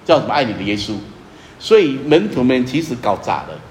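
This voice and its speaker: A man preaching a sermon as pastor, earnest and emphatic, repeating key phrases and often dropping to a soft, low voice. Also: sing-song, quick pace, roomy sound, slight background noise.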